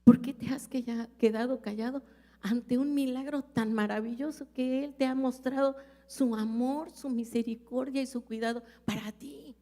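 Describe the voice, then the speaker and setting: In an echoey church hall, a woman pastor with a Mexican Spanish accent preaches earnestly, asking her congregation questions. Her voice is high, warm, and steady, at a normal pace.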